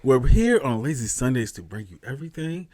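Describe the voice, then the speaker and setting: A man co-hosting a casual chat podcast, loud and hyped, who keeps calling the listeners "fam". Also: medium pitch, sing-song, brisk. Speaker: podcast co-host.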